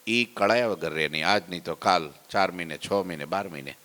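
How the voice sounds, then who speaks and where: A man giving a devotional sermon, telling stories and slowly singing lines of hymns. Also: sits low, pushed and bright. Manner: storytelling, sings verses of hymns slowly. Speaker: preacher. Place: temple hall. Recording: long reverb of a temple hall.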